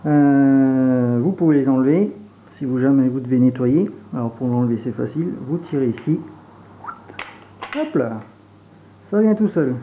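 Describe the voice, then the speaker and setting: A man's voice: mid-range voice, normal speed, long pauses. Man, Franche-Comté French accent, casual reviewer, hesitant with fillers, narrow phone-like sound. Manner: relaxed, hesitant, many fillers while handling gear. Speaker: airsoft reviewer. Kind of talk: casual product unboxing and demo. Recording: tinny phone-like sound, faint hiss.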